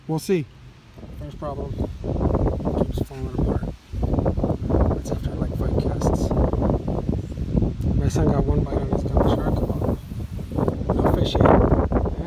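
A man's voice: fairly high pitch, noisy background. Rambling man filming himself fishing. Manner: relaxed, rambling with many ums. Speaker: fishing vlogger, father. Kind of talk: casual vlog narration. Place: inside a parked car, then outdoors on a river dock. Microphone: phone camera at arm's length.

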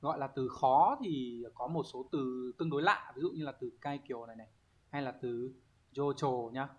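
A man walking students through exam vocabulary in an online lesson, at an average pitch for a man. He reads each Japanese sentence aloud and then breaks it down. He keeps checking in with the class through quick rhetorical questions. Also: muffled recording. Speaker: Japanese teacher.

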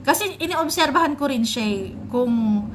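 Filipina mom vlogging at home, kinda high voice, chatty storytelling, a bit of faint noise behind. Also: female voice, lively intonation, moderate pace. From Philippines. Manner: chatty, mixes Tagalog and English, retells her own quoted words. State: pregnant. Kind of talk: casual storytelling vlog.

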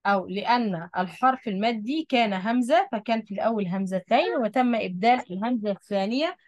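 A woman with an Egyptian Arabic accent talks at a quick pace, her voice a little high with lively intonation and no room sound. At a board, she patiently explains a Quran recitation rule, going back over key points and checking her students understand.

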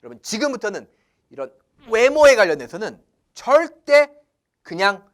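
A man leads a casual English lesson in an animated way. His pitch swings up and down as he asks himself questions and answers them. He drops English phrases in as he goes. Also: normal speed. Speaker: English teacher.

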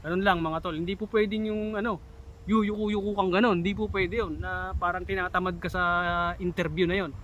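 A Filipino man in his thirties gives job interview tips in a chatty vlog, issuing emphatic warnings and calling his viewers "tol." His high-pitched voice is steady, a little fast and a bit bright, with a slight hiss or hum.

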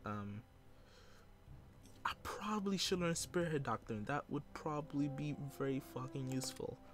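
Sitting indoors at his computer, a gamer records a let's play, rambling, thinking out loud and swearing casually. His voice is a little high and his pace moderate.

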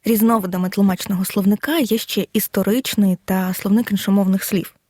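Woman, teacher, scripted audio lesson, warm mellow tone, dry close sound. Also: medium pitch, fairly even intonation, no echo, faint music behind. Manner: measured, explanatory, reads examples out one by one. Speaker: Ukrainian language teacher.

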